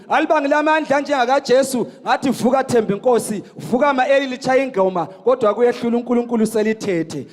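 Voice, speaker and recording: A man reciting praise poetry in a forceful, declaiming manner, calling out lines in bursts. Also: very high-pitched. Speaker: praise poet. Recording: echoey hall.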